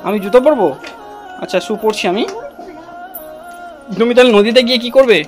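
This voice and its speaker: A man's voice: high voice, moderate pace, faint music behind, some chatter behind. A man chatting to his viewers in a casual vlog, his voice heavy and stuffy from a cold, coaxing and playful. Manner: coaxing and playful with a child, addresses viewers as friends. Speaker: vlogger.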